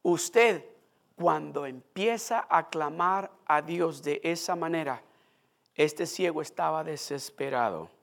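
A man's voice: on the high side, takes it slowly, vocal fry, a bit bright. A male pastor preaching a sermon, speaking emphatically and addressing the congregation directly.

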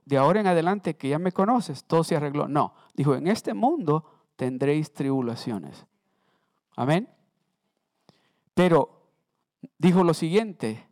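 A man's voice: fairly high pitch, a little mellow, no room sound, clean studio sound. A man preaching in church, talking to the congregation conversationally, asking them questions and mixing in English words. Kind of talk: Sunday sermon.

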